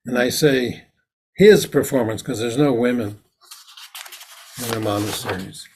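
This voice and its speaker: A man's voice: medium pitch, a little slow, vocal fry, darkish tone, slight background noise. A man, a Zen teacher, giving a dharma talk in a meditation hall, explaining ritual plainly and then acting out its lines.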